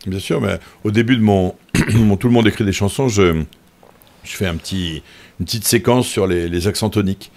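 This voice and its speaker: A man's voice: lowish voice, moderate pace. A man, a composer and choir leader, talking casually and animatedly, sometimes singing short example phrases. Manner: animated explainer who sings example phrases. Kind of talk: casual conversation.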